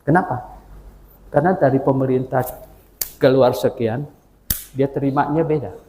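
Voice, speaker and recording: An older man preaching a sermon as pastor. He moves between loud exclamations and quiet asides, tells humorous stories and asks the congregation questions. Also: moderate pace, a little hiss or hum. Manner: animated, swings from loud exclamations to low asides. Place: church hall. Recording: church hall with long reverb.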